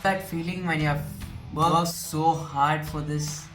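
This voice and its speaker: Speaking slowly with a high-ish voice and fairly even intonation, a nineteen-year-old Indian English vlogger earnestly recounts what happened to him and repeats himself. The mic is distant, and music plays in the background.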